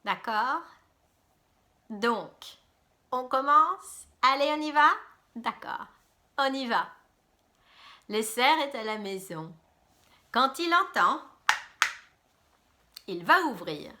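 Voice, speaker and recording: Slow, animated storytelling teacher woman. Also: on the high side. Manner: slow, animated, addressing pupils directly. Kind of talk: storytelling to children.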